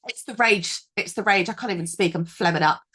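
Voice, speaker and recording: A woman in her thirties co-hosting a podcast in casual chat, animated and quick to swear when indignant. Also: medium pitch, husky. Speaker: podcast co-host.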